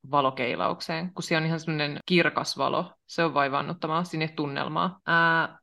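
Young woman, podcast co-host, low voice, casual chat, laughs a lot. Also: creaky. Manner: lively and chatty, laughs often.

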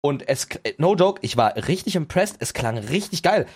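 A man's voice: a little high, animated, normal speed, darkish tone, slightly rough. A young man co-hosting a podcast, rambling in casual chat with slangy restarts. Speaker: podcast co-host.

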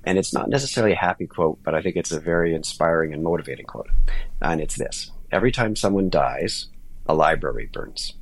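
A man answering as a podcast guest, explaining in a measured, informal way. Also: low-pitched, breathy edge, low-quality recording. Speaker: podcast guest, estate lawyer.

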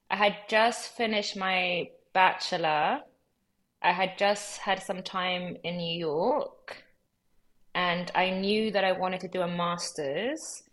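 A woman in her thirties, born in Peru and raised in Los Angeles and London, talking as a guest in a relaxed interview, chatty with lots of fillers and easy laughs. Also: fairly low pitch. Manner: chatty, many fillers and likes, laughs easily. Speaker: guest curator.

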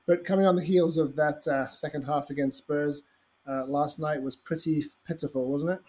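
Hoarse man hosting a football podcast. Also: a little high, fairly even intonation, moderate pace, darkish tone. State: hoarse from flu. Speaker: podcast host. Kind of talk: casual football podcast chat.

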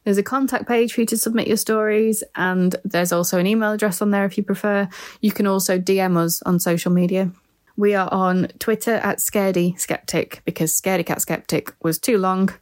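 A woman's voice: mid-range voice, fairly even intonation, brisk, a little mellow. A woman podcast host with a mixed Mancunian and Yorkshire accent, talking in a chatty, informal way. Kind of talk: casual podcast chat.

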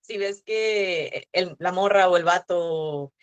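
A woman's voice: on the low side, takes it slowly, clear, resonant tone. A woman with a Mexican accent, a sex educator talking as a podcast guest, telling stories casually with lots of slang and fillers. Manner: chatty storytelling full of slang and fillers. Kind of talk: casual chat.

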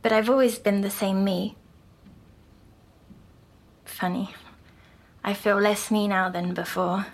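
A woman, softly recounting a dream as a patient in an audio drama. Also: mid-range voice, steady tone, poor audio. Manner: soft, slow, dreamy recounting.

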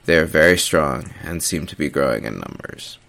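A man narrating a horror story in a measured, tense storytelling manner. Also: very deep voice, lively intonation, creaky, fairly bright tone.

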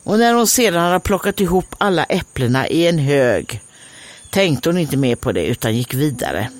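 Swedish comedienne, animated read-aloud of a fairy tale with wry asides. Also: female voice, low voice, no room sound. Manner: reads aloud, breaks off for joking asides. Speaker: comedian and host.

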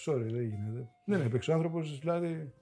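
Husky man telling animated anecdotes. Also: a little high, faint music behind. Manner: animated anecdotes with frequent asides. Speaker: podcast guest. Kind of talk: casual storytelling interview.

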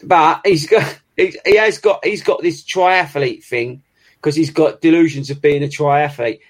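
A British man with a fairly high voice for a male. He banters casually as a co-host, rambling and teasing as he goes. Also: a little slow. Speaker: podcast co-host.

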